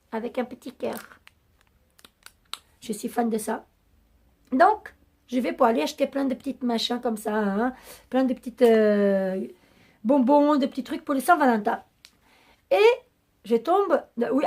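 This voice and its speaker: Raspy-voiced woman, chatty vlogger. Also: a little high, dark tone. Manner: rambling and chatty, many hesitations. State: losing her voice. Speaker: beauty vlogger. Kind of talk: casual chat to camera.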